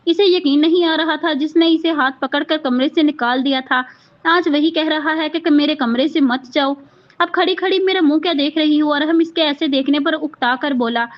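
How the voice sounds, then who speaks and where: Cast note: female novel reader, high voice, steady storytelling, dull lo-fi recording. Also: moderate pace. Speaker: novel narrator. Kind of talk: reading a romance novel aloud.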